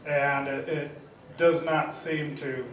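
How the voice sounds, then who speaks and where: A man's voice: fairly high pitch, level tone, takes it slowly, fairly bright tone, a little hiss or hum. A man giving wry, argumentative remarks as a panelist in a panel discussion. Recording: echoey room, mic from far off.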